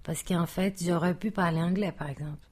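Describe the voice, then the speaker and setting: A woman's voice: on the low side, steady tone, brisk, darkish tone, breathy edge. A woman from Brazil, a native Portuguese speaker with a Brazilian accent, chatting in French and stretching her vowels expressively. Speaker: guest. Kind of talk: casual conversation.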